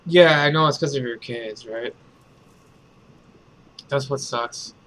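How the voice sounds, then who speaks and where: Streamer guy, bright voice, rambling let's-play talk. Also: medium pitch, slow pace, slight background noise, low-quality recording. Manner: hesitant, rambling. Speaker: game streamer. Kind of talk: casual let's-play commentary.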